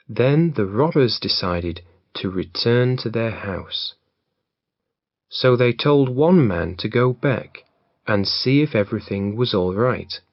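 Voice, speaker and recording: Guy reading a fairy tale for learners, really slow, dull lo-fi. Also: medium pitch, no room sound. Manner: clear, deliberate. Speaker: reader.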